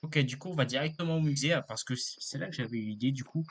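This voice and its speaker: A man's voice: medium pitch, fast talker, husky. A man giving casual let's play commentary, hesitant and rambling with lots of fillers and apologies. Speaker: gaming YouTuber.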